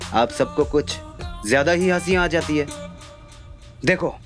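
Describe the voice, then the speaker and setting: Actor as a schoolteacher, slightly high voice, prodding questions to the class. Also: male voice, lightly acted. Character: schoolteacher leading a class revision. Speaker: teacher. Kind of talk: web series acting.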